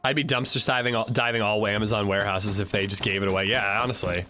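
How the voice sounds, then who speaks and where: A man from Pennsylvania, a streamer talking casually with chat while playing a game, animated and swearing freely. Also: on the low side, fast, background noise. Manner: animated, profane, reacting to chat. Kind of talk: casual gaming livestream chat.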